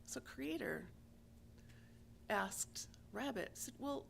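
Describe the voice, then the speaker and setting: Gravelly-voiced woman telling a parable. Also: on the low side, expressive, measured pace, slight background noise. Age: middle-aged. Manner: gentle, homely storytelling with fillers. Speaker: guest speaker at church. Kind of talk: storytelling a parable in a sermon.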